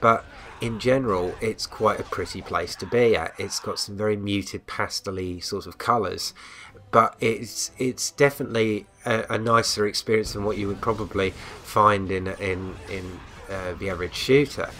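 A man's voice: lowish voice, fairly even intonation, normal speed, pushed and bright. A man giving a casual spoken game review, hesitant, with frequent ums and restarts.

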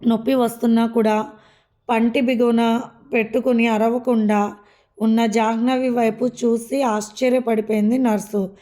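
A woman narrating a family story as a storybook reader, steady and measured. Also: a little high.

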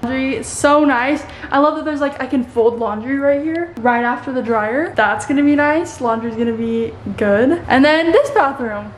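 A bright, chatty young woman filming herself on a camera held at arm's length, her voice sitting a little high. Her voice rings off bare walls in an empty room with a faint hum behind it. Upbeat and easygoing, like a casual home vlog. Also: normal speed, hardly any pauses, echoey room, poor audio. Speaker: vlogger. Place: empty suburban house, indoors.

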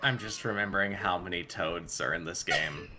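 A man's voice: low-pitched, moderate pace, crowd noise. A man co-commentating on a video game in casual chat with dry, crude humour.

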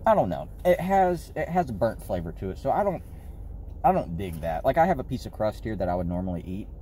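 A casual food vlogger, talking through mouthfuls of pizza on a taste test outdoors by a food truck. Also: male voice, on the low side, very animated, brisk, dark tone, slight background noise. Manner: casual, with fillers like "um" and "like". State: talking while chewing.

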